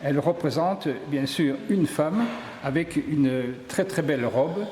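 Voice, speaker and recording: Unhurried and a little mellow, the voice sits on the high side. It belongs to a middle-aged sculptor from Ardèche in southern France, interviewed about his work inside a tourist office exhibition room, with echoing hall acoustics and faint noise in the background.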